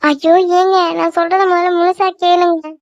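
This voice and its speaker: A woman voicing a young cartoon wife who pleads and gets upset easily, with a whiny, squeaky voice. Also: little pitch movement, moderate pace, dry recording, highs cut off. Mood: pleading.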